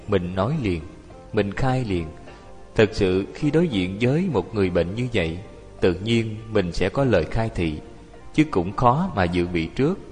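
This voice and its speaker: A low-voiced man delivers a Buddhist dharma talk as a lay teacher. He tells his stories vividly and acts out the people he quotes. His voice rings with a long hall reverb over faint music. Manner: storytelling, acting out the people he quotes.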